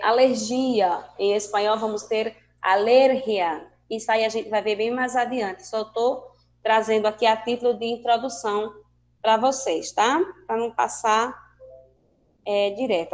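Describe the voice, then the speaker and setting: Teaching Spanish online, a woman with a Brazilian accent speaks at a moderate pace in a fairly high, steady voice. She patiently explains the lesson and asks her students questions.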